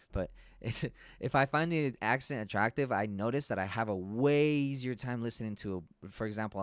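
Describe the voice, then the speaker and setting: Low-voiced man chatting through market charts. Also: dry recording. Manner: loose and chatty, swears casually, laughs often. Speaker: trading educator hosting a live stream. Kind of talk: casual live-stream market analysis.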